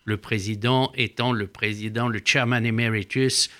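A man's voice: fairly low pitch, fairly even intonation, normal speed, fairly bright tone. An older man, a former diplomat, explaining at length in a radio interview, hesitating often with "euh".

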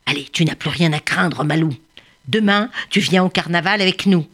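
A woman voicing a wise old male elephant who speaks in a slow, stern way. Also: fairly low pitch, a bit bright, husky.

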